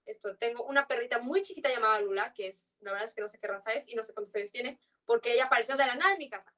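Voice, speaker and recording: Chatty young Yucatecan woman, high voice. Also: racing, sharp tone. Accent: Yucatán Mexican Spanish. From Yucatán, Mexico. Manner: chatty and slangy, rambling with fillers. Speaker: podcast guest. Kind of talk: casual chat.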